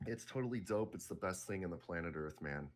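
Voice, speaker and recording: Middle-aged male guest, very low voice, loose rambling delivery. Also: lively intonation, a little fast. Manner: rambling, self-correcting, laid-back. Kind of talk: casual interview talk.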